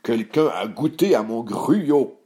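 A man voicing a gruff big papa bear in a storybook reading, slow and booming. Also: big pitch swings, warm tone.

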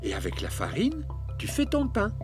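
A storyteller voicing a cheerful, patient farmer explaining things in a storybook reading, lively and raised in pitch. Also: normal speed. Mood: teasing. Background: soft music.

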